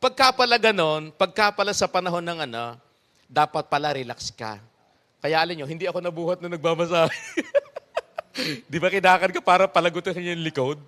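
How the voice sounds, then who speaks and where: A male pastor giving a conversational sermon, animated, chuckling and tossing rhetorical asides to his congregation. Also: on the high side, normal speed.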